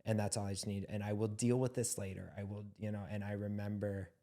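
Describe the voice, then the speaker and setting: A man's voice: lowish voice, flat delivery, quick pace, dark tone. A young man co-hosting a podcast, speaking in an earnest, reflective way as he searches for his words in a candid conversation. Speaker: podcast co-host.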